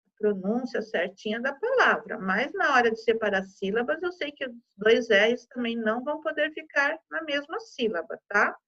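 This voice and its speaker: A Brazilian woman teaching a young class, sounding out words slowly syllable by syllable and checking in often with her pupils. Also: fairly high pitch, animated, fairly bright tone. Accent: Brazilian Portuguese. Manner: slow, exaggerated syllable-by-syllable pronunciation with frequent "tá?". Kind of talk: primary school lesson video. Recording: slightly dull lo-fi recording.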